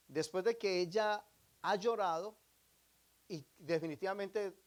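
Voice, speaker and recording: Male pastor, high voice, sermon delivery with rhetorical questions and sharp volume swings. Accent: Latin American Spanish. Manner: preaching with rhetorical questions to the congregation; swings between emphatic loud phrases and quiet drops.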